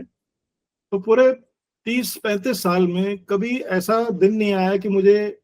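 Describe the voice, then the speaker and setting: एक साठ वर्षीय पुरुष योग शिक्षक, जो एक बातचीत में गंभीरता से समझाते हुए हिंदी और भारतीय अंग्रेज़ी मिलाकर बोलते हैं।. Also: male voice, high-pitched, a little mellow. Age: 60s. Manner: earnest, explanatory, mixes Hindi and English, uses everyday analogies. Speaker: yoga teacher. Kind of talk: conversational interview.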